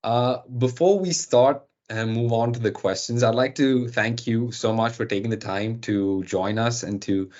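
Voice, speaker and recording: A man's voice: mid-range voice, steady tone, unhurried, hardly any pauses, darkish tone, dull audio. Young male host, hesitant questions. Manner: hesitant, filler-heavy questions. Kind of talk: interview questions.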